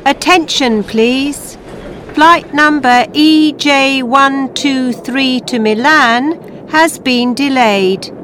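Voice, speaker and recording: A woman playing an airport announcer, making formal, measured flight announcements for a language exercise. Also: high voice, a bit bright, a little hiss or hum, exaggerated voice. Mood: formal, neutral. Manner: formal, measured, clearly enunciated public announcing. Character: female airport announcer giving flight notices.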